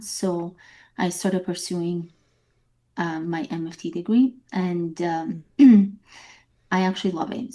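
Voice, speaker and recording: A woman from Bosnia, a therapist, answering interview questions thoughtfully with pauses. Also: fairly low pitch, warm tone. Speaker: therapist guest.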